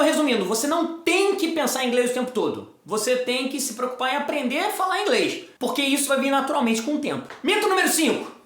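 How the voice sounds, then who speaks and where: A man with a Brazilian accent, teaching in an informal, energetic video lesson, direct and teasing with casual slang. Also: very high voice, reverberant. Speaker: English teacher.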